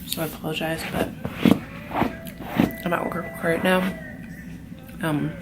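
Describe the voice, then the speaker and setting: A young woman vlogging casually at her night job, talking softly and half in a whisper, swearing now and then. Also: sits low, little pitch movement, unhurried, over loud music, low-quality recording. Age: young adult. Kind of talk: casual confessional talk. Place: group home at night, indoors.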